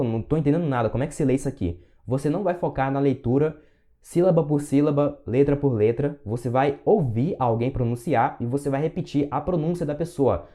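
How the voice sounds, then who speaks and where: A man gives a language lesson in a mellow, dark voice. He talks learners through each word patiently and slows down to repeat phrases so they can copy them. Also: medium pitch. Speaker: Russian teacher.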